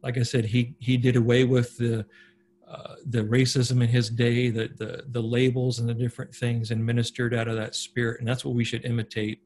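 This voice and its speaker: A man's voice: mid-range voice, little pitch movement, moderate pace, a little mellow, slight background noise. A man speaking as an interviewer in an earnest, conversational way. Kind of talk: casual interview talk.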